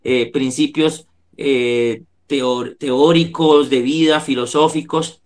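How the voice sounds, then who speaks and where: This middle-aged man, a psychologist with a Colombian accent, talks slowly at a medium pitch with fairly even intonation. His devotional talk has an earnest, preacher-like quality and comes through a video call microphone from an indoor room.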